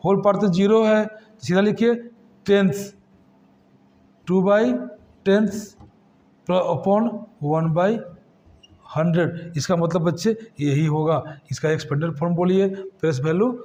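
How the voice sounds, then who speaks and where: Male math tutor, high voice, patient question-and-answer classroom delivery. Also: a little mellow. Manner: addresses students as kids, asks and answers his own questions.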